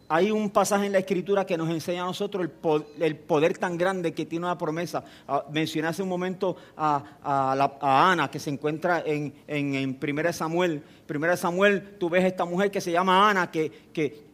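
A man delivers a sermon in a fairly high voice, addressing the listener directly. He uses repetition and rhetorical questions, building to loud, emphatic passages.

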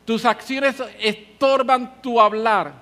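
A man preacher voicing God as a stern divine father who scolds his listeners loudly and emphatically. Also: very high-pitched, fairly even intonation, takes it slowly, voice pushed up, exaggerated voice. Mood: stern scolding. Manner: loud, emphatic, reproachful.

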